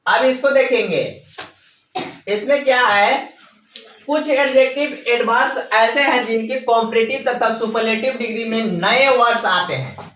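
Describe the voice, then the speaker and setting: A man's voice: extremely high pitch, bright, forceful tone, a little hiss or hum. Man teaching, quizzing a class. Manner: drills students with quick call-and-response questions. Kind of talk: classroom grammar lesson. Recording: echoey classroom from far off.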